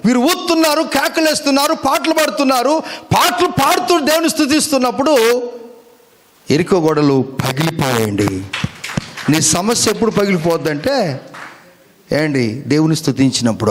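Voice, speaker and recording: Man, pastor, Sunday sermon, high pitch, rhetorical questions to the crowd. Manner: calls out for hallelujahs and amens; fires rhetorical questions at the listeners.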